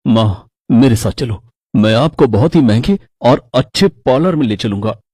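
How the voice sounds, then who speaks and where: Brief: firm young husband, a man voicing him, husky and mellow, storybook. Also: mid-range voice, animated, normal speed, dry recording, studio quality, lightly acted. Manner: firm, reproachful. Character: stern young adult son and husband.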